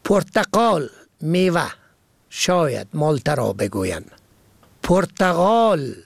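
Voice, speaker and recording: A man reads a vocabulary and usage lesson, measured and precise, spelling words out letter by letter. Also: high voice, no echo, clean studio sound. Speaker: language teacher.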